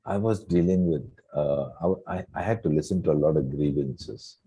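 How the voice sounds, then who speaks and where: A man in his sixties from Singapore, a retired coach reflecting in an interview with many soft fillers. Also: a bass voice, normal speed, breathy edge. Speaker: guest coach. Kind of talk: relaxed interview conversation.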